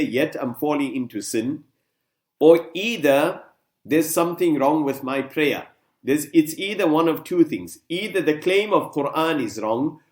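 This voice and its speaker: A man delivers a religious lecture in a slightly higher register than most men. He speaks in a measured way, restating each key term for emphasis. The room around him is echoey. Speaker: Islamic teacher.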